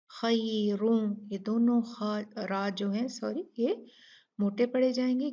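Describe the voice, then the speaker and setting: Patient woman recitation teacher with an Urdu-speaking accent, unhurried, stretches each example word, muffled recording. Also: mid-range voice, gravelly, mellow. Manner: slow, patient explaining, drawn-out recitation of words. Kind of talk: tajweed lesson.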